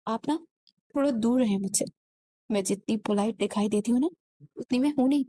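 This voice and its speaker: A woman's voice: fairly high pitch, brisk, mellow, no room sound, natural voice. A woman voicing a defiant, headstrong young bride in a spoken romance story, firm in tone.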